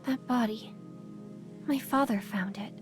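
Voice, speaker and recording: A woman voicing a gentle, remorseful young woman in a game, soft and sorrowful as she speaks. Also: fairly high pitch, measured pace, natural voice. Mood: sorrowful, resigned. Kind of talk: scripted game acting. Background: music.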